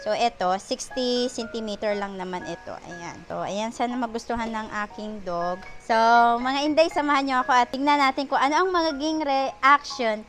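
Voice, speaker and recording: A young woman with a Filipino accent and a high voice chats casually for her vlog at home. She coos to her dog in baby talk. Faint music plays under her voice. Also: normal speed, hardly any pauses, a bit bright. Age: young adult. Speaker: vlogger.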